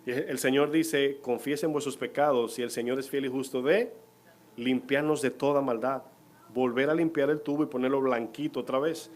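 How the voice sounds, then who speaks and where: A man preaching a sermon in church, putting questions to the congregation as he goes. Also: mid-range voice. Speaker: pastor.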